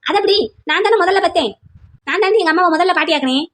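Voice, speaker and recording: A woman's voice: very high voice, very fast, a bit bright. A woman voicing a boastful, doting grandfather who bickers with his wife in a cartoon. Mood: bickering. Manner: teasing, bickering.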